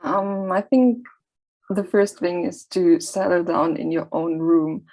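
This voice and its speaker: A German woman in her twenties with a German accent, a student panelist on a video call, speaking in a hesitant, halting way with restarts. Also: lowish voice, steady tone, mellow, low-quality recording.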